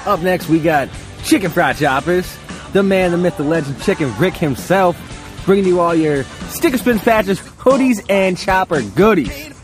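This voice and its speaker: A man's voice: sits high, expressive, normal speed, soft background music. A man co-hosting a casual podcast outdoors, plugging things in a loose, profane, informal way. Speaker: podcast co-host. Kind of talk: casual podcast banter and sponsor reads. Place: outdoors on a ranch.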